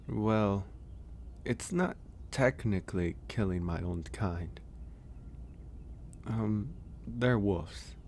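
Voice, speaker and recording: A male actor voices a gentle werewolf, a caring stranger nursing a guest, in an intimate ASMR roleplay set over ambient noise. His very low voice is kind, unhurried and reassuring, yet hesitant, pausing often.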